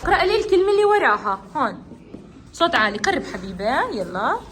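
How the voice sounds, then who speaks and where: Lady teacher, high-pitched, cheering kids on in class, bit of room noise. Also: very animated, quick pace, a bit bright. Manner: encouraging, praising, calls on children by name. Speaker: kindergarten teacher. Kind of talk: classroom reading game with children. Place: classroom with children.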